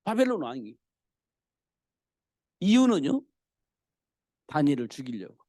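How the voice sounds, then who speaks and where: A male pastor preaching a sermon in a church, telling the story with animated delivery. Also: fairly high pitch, unhurried, dry recording, studio quality. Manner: animated storytelling, acting out the king's cries.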